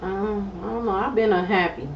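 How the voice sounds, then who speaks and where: A woman's voice: medium pitch, steady tone, moderate pace, a little hiss or hum. A middle-aged woman, talking candidly in a loose, casual chat as co-host. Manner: candid, loose conversational talk with many fillers. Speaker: podcast co-host. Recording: roomy, distant, slightly dull sound.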